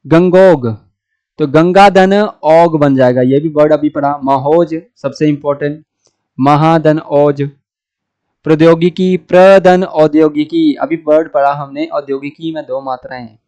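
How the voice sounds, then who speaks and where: A man's voice: fairly high pitch, unhurried, mellow, clear, resonant tone. A man with a Hindi accent teaching a grammar lesson, walking through each example step by step and asking himself rhetorical questions. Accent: Hindi, North India. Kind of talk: blackboard lesson explaining grammar.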